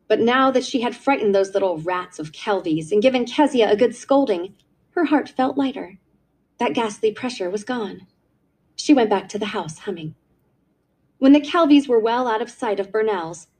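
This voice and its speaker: A woman narrating a classic short story aloud in a scripted, expressive storytelling reading. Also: mid-range voice.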